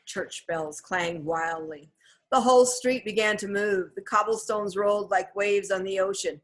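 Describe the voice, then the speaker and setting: A woman with a medium-pitched voice reads a children's novel aloud from a script. Her storytelling is measured and expressive.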